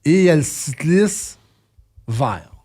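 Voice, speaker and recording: A man with a Québécois accent speaks in a fairly high voice that swings widely in pitch. He argues his trucker's view emphatically, turning often to his listener in loose podcast chat. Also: takes it slowly, breathy edge. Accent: Québécois French. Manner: animated, emphatic, addresses the listener directly. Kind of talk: casual podcast discussion.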